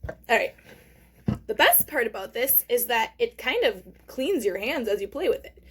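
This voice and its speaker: High-voiced woman, kids show host style. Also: very animated, moderate pace, fairly bright tone, slightly rough. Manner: kids show host, encouraging and talking directly to young viewers. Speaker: host of a children's craft lesson. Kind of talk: hands-on craft demonstration, casual narration.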